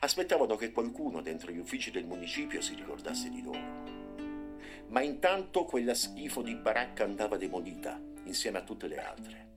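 A man reading a story aloud in an expressive, dramatic way, sometimes dropping to a hush. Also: on the low side, fairly quick, music in the background. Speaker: narrator. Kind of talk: storybook narration.

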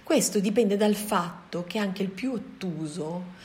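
A woman voicing a wise male gorilla teacher who speaks calmly and tells his story in a measured way. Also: mid-range voice, lightly acted. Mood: reflective.

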